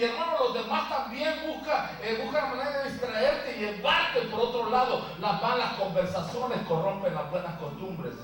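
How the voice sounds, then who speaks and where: A man's voice: high-pitched, fairly bright tone. A male pastor preaching a sermon in a church, emphatic and repetitive, building his points in long lists. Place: church sanctuary. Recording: echoey hall from far off with faint music.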